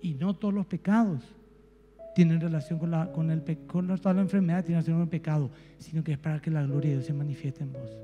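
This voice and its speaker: A man with a Paraguayan Spanish accent preaching a sermon, telling a story and swinging between soft and emphatic delivery. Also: a little high, fairly even intonation, quick pace, highs cut off. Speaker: pastor. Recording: reverberant church hall with faint music.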